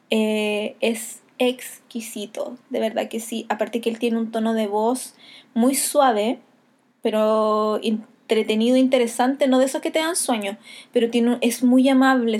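A woman's voice: a little high, darkish tone. A woman with a Chilean accent talking casually and enthusiastically, rambling a little as she recommends books. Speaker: book vlogger.

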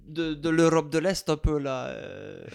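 A man with a Québécois accent chatting casually, halting as he searches for words. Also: fairly high pitch, expressive, creaky, a little mellow, clean tone. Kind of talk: casual chat.

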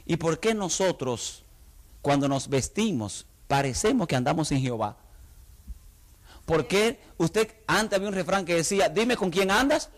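Man, high voice, pastor, lively sermon, rhetorical questions. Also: normal speed. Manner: animated, humorous preaching with rhetorical questions to the congregation. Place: church.

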